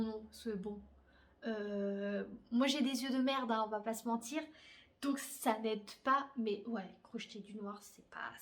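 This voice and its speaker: Young woman rambling about crochet in her bedroom, fairly high voice, lots of ums, kinda slangy. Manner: chatty, many fillers, blunt slangy asides. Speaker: crafting podcaster. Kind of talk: casual chat.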